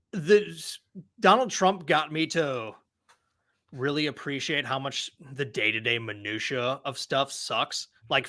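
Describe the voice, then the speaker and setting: A man's voice: mid-range voice, bright, forceful tone. A man hosting a casual livestream chat, rambling and sarcastic, talking from his home. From Milwaukee area. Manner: rambling, self-deprecating, sarcastic. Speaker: livestream host. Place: old house, home studio.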